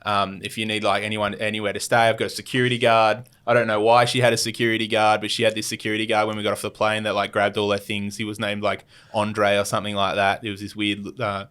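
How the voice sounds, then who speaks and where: A man's voice: lowish voice, flat delivery, quick pace, hardly any pauses, a bit bright, clean tone. Rambling Australian guy telling a story. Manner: rambling, lots of fillers and restarts, acts out quoted lines. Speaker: podcast guest. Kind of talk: casual storytelling.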